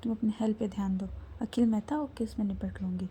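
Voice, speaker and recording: A woman voicing a protective, curt young woman who speaks in a hushed, insistent way. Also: mid-range voice, fairly even intonation, fast talker, slight background noise, lightly acted. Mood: firm.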